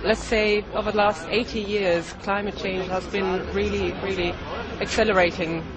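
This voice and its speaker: A man from Norway, answering in a hesitant, halting way during a street interview. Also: high-pitched, steady tone, poor audio. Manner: hesitant, halting, searching for words. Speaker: campaigner being interviewed. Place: outdoors in a busy city street. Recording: street recording with crowd noise.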